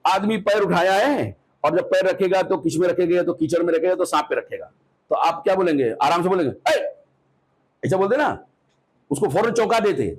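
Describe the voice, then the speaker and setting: A man teaching a hadith class, asking his students questions, repeating key points and reciting Arabic phrases slowly before explaining them. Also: high voice, breathy edge, low-quality recording. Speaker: Islamic teacher.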